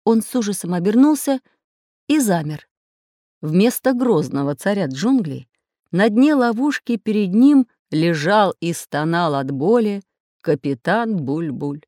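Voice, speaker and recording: A woman's voice: medium pitch, a little slow, no echo. Woman narrator for a children's audiobook, dry close sound. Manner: expressive storytelling.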